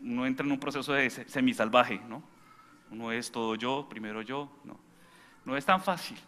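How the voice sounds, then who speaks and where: A man giving a homily as a priest at Mass, telling stories and shouting out imitations of his family, often checking in with the congregation. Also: medium pitch. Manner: asks the congregation for agreement. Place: church during Mass. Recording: church with long reverb.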